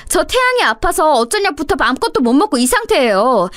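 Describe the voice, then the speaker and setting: A woman's voice: a little high, expressive, normal speed, darkish tone, dry recording, clean studio sound, natural voice. A woman voicing an exhausted, fed-up young working mother who argues back sharply in a dramatized story reading. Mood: exploding. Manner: exasperated, snapping back sharply.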